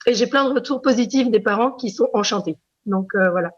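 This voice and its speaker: Woman from France, preschool teacher, slightly high-pitched, hesitant spontaneous talk, dull lo-fi recording. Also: brisk. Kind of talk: testimonial interview.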